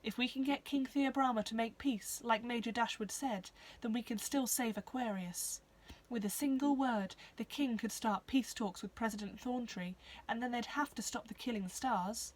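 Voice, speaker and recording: A woman's voice: on the high side, moderate pace, lightly acted. Bixer, a woman playing a fierce hoofed alien girl. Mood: urgent. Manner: urgent, persuasive. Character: brave determined young female alien creature with hooves.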